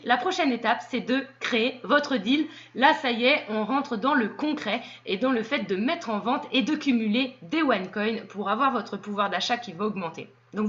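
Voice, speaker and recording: A woman walking viewers through setting up an online seller profile, explaining step by step and pausing often with fillers. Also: on the high side, bright, forceful tone, dull audio. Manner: hesitant, explanatory, with frequent fillers. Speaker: tutorial presenter. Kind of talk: screen-recorded software walkthrough.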